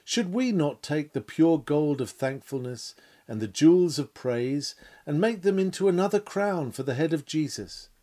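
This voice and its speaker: Man, preacher, solemn sermon delivery, rhetorical questions, slightly high voice. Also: animated, normal speed, mellow. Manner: solemn, archaic biblical phrasing, rhetorical questions. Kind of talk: sermon reading.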